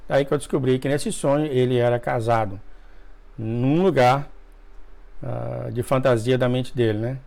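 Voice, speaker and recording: A man reading a dream testimony aloud to viewers, emotional, with asides, often coughing and clearing his throat. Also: medium pitch, steady tone, a little slow, darkish tone. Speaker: religious video narrator.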